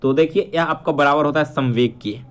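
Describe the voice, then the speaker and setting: A man walks through exam questions, explaining each answer step by step in an instructional style and frequently checking in with viewers directly. His voice is on the high side and a little fast.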